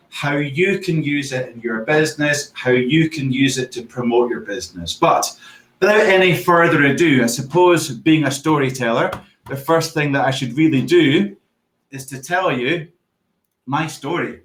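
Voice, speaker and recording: A middle-aged man with a Scottish accent, giving a lively online conference talk on storytelling and quizzing his audience. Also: fairly high pitch. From Scotland. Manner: lively, engages audience with quick questions. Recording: echoey, distant from the mic.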